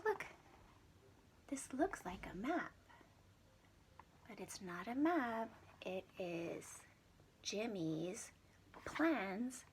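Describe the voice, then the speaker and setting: A preschool teacher, a woman with a creaky mid-range voice, reads a storybook aloud and chats with young children, expressive and full of questions for them. Background noise can be heard.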